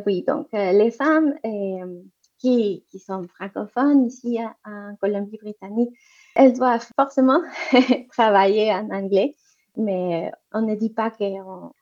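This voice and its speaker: A woman of medium pitch and somewhat dark tone answers interview questions on women's entrepreneurship. She's there representing economic development and speaks hesitantly, with lots of fillers and restarts, in muffled lo-fi sound.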